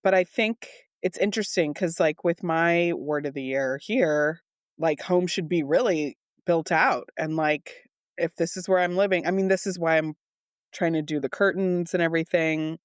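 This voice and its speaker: A middle-aged woman from Southern California co-hosting a casual podcast, her mostly steady voice turning shaky at moments from a cold. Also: deep voice, normal speed, no room sound, clean studio sound. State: congested with a cold, slightly shaky voice. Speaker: podcast co-host.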